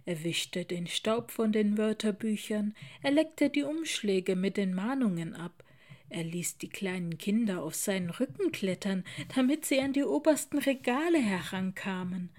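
A woman reading a children's picture book aloud in an expressive storytelling voice. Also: mid-range voice, measured pace.

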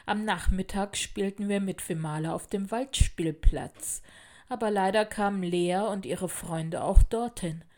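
A woman reads a children's storybook aloud. Her voice sits at a middle pitch. She tells the story clearly and evenly. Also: unhurried, a little mellow. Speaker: narrator.

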